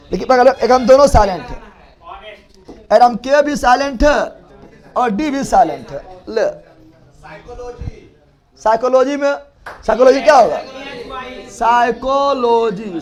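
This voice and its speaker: Man, very high voice, classroom teacher, drills answers by repetition. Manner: repeats key words and quizzes the class; loud, drilling call-and-response. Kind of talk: classroom lecture.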